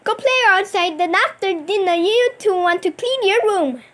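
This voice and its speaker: A woman's voice: extremely high pitch, normal speed, a bit bright. A woman narrating a toy play story, voicing the characters herself with playful, sing-song sound effects.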